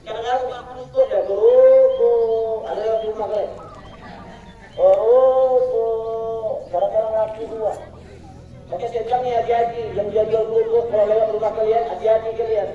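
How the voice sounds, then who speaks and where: A man giving a lively, humorous sermon at a school religious gathering, telling stories and speaking straight to his listeners. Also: high-pitched, rapid-fire, hardly any pauses. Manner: jokey, storytelling, addresses the audience directly. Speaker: Islamic preacher. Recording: echoey room, distant mic, dull lo-fi.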